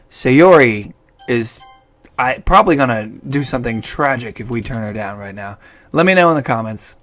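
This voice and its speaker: A young man giving casual let's-play commentary, excitable and often exclaiming and laughing. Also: medium pitch, no echo. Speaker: gamer commenting on his play.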